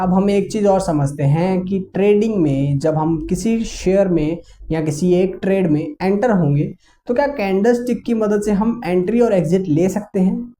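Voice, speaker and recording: A man explaining chart reading in a casual, conversational lesson, often pausing on fillers. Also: high-pitched, warm tone, a little hiss or hum. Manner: conversational, many fillers and English words mixed in. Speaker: trading teacher.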